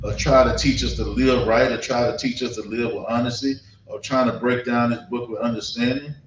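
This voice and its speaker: Heard through a distant mic in a dull, reverberant room with slight background noise, an American man with a mid-range voice and fairly even intonation preaches informally. His delivery halts and repeats, staying conversational with frequent check-ins.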